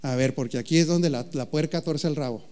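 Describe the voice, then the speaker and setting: A male pastor preaches in a fairly high voice. He jokes with the congregation, throws questions at them and stretches out key phrases with slow, deliberate emphasis. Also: warm tone. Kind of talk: sermon.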